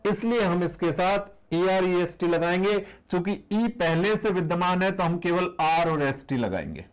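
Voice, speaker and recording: Patient higher-voiced male teacher. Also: poor audio. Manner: patient, repeats rules and asks rhetorical questions. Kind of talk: classroom grammar lesson.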